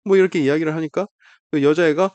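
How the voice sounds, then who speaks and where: A man hosting a manga review, casually retelling the plot with animated storytelling and acted-out quotes. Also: on the high side, quick pace, no echo.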